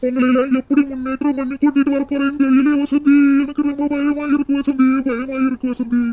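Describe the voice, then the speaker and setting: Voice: mid-range voice, brisk, darkish tone, no room sound, dull audio, natural voice. An actor voicing a guilt-ridden pleading husband. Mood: sobbing. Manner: pleading and soothing, breaks into tears. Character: husband, guilt-ridden drinker who lost his car. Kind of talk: cartoon voice acting.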